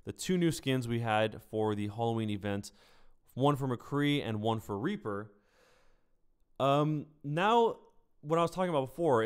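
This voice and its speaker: A streamer and gaming news host gives casual livestream commentary on a game, talking conversationally and directly to his viewers. His mid-range voice has a clean tone.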